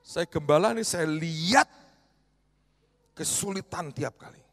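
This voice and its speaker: A man preaching a provocative sermon as a pastor, swinging between loud outbursts and hushed asides. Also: on the high side, a little slow. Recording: reverberant hall.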